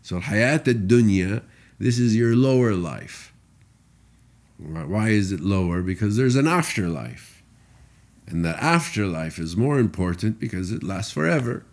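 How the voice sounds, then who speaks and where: A middle-aged man from Saudi Arabia, a podcast guest, explaining ideas through religious stories in a relaxed chat and laughing often. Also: lowish voice, measured pace. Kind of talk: casual podcast conversation.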